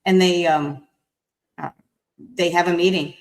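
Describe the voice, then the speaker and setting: A woman guest on a panel show, explaining at length in a halting way while she has the hiccups. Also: on the low side, steady tone, poor audio. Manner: halting, lots of fillers and restarts. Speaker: guest commentator. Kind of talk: panel discussion.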